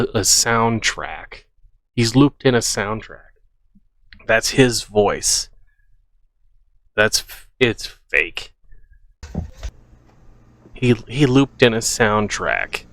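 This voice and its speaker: A man gives slow, unhurried reaction commentary, sounding skeptical and scoffing, and he often repeats himself. His voice is recorded close and dry, with no room sound. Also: mid-range voice, fairly bright tone, dry recording. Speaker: reaction channel host.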